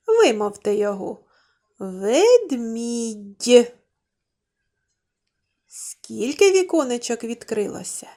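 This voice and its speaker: A woman's voice: a little high, dark tone. A woman teaching young children, drawing out words in a sing-song way and asking them questions. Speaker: kindergarten teacher. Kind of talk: slow, clearly enunciated lesson for young children.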